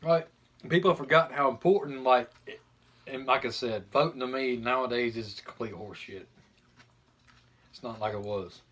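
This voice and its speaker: A man with a medium-pitched voice hosts in a casual, opinionated way. He talks bluntly and informally, with mild profanity mixed into his chat. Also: moderate pace, fairly bright tone. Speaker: video host.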